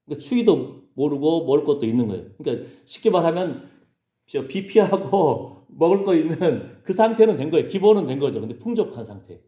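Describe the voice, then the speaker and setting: A man's voice: on the high side, big pitch swings, fairly quick, warm tone, reverberant, lo-fi sound. A male pastor preaching a sermon in a conversational way, often checking in with the congregation. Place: church sanctuary.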